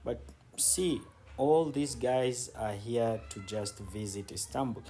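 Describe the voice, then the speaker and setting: Walking city streets outdoors, this travel vlogger and city guide talks viewers through the sights in a relaxed, chatty way, frequently repeating words to stress them. His mid-range voice is warm and slow. Street ambience and background noise are audible throughout.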